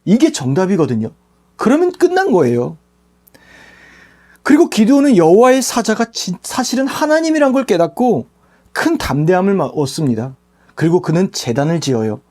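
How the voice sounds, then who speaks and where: A man's voice: high-pitched, big pitch swings, normal speed, darkish tone. A man, a youth pastor, preaching a sermon for an online youth service and telling the story earnestly and plainly for teens.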